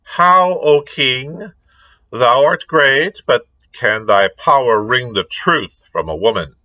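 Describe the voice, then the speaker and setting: A man voicing an ancient, cruel female witch, with a shrill falsetto and cackling laughter. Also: slow pace, bright, forceful tone, no room sound. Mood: mocking. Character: ancient shrieking hag witch, cruel and defiant.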